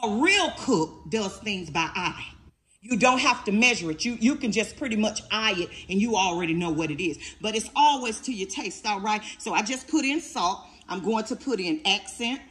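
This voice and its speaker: A woman's voice: mid-range voice, expressive, moderate pace, fairly bright tone. A middle-aged woman hosting a casual cooking demonstration in her home kitchen, chatty and emphatic, often checking in with her viewers.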